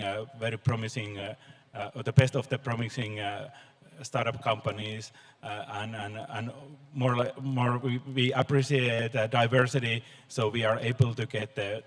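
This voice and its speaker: A man speaking for a startup on a live panel, halting with repeated words and fillers. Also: on the low side.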